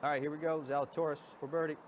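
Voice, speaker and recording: A man's voice: on the high side, flat delivery, racing, slight background noise. A man anchoring live golf coverage as the lead announcer. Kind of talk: golf commentary, hosting the coverage.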